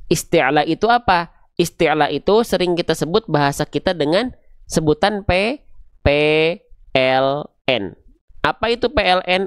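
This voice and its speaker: A man's voice: on the high side, clean tone, no room sound, studio quality. A man teaching Quran recitation in an online video lesson, patiently explaining step by step and asking questions aloud before answering them himself.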